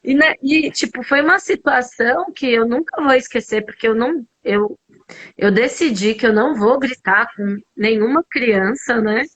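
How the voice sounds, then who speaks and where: A woman's voice: a little high, normal speed, fairly bright tone, rough recording. A woman with a Brazilian Portuguese accent telling a personal story in a casual conversation, peppering her talk with little fillers. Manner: chatty, full of fillers like "né" and "cara". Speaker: speaker in a conversation circle.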